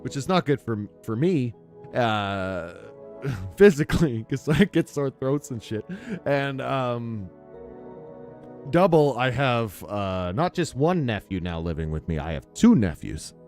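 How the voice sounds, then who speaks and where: Relaxed man streaming, close mic. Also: mid-range voice, slow, soft background music. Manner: rambling, relaxed, laughs often. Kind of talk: casual chat while gaming. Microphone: close studio mic on a boom arm.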